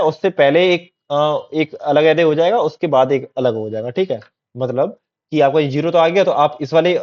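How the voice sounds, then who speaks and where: On a dull lo-fi track, a coding tutor with a slightly high, slightly mellow voice teaches casually. He tends to repeat things and often asks "theek hai" to make sure his audience is following.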